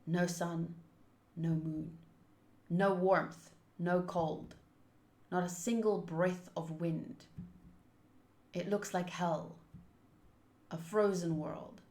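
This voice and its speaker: Drawing out her words and pausing often, a woman speaks in a lowish, darkish voice with fairly even intonation, and the room sounds spacious. It's a relaxed visual novel stream where she thinks aloud or reads the game's text.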